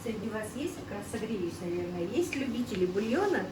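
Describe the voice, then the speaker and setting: Recorded from a distance in an echoey home kitchen with a faint hum, this middle-aged woman runs a casual cooking vlog and keeps calling her viewers friends. Her mid-range voice swings widely in pitch, and she talks briskly and chattily, straight to them.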